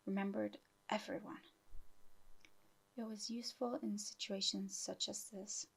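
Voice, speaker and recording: Lady reading a fanfic audiobook, soft almost whispery, lots of vocal fry. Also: medium pitch, poor audio. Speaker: audiobook narrator. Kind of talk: fan fiction audiobook reading.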